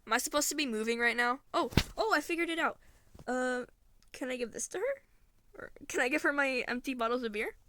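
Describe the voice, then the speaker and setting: Panicked young human, flustered, stammering, loud, high voice, bright tone, played by a woman. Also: lively intonation, a little fast, slight background noise.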